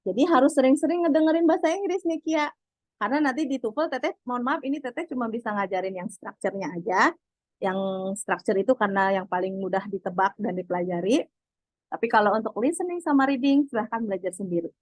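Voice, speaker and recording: Young woman teacher, kinda high voice, chatty online class, dry close mic. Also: fast, no room sound, rough recording. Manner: chatty, mixes in English phrases, refers to herself as Teteh. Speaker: English tutor.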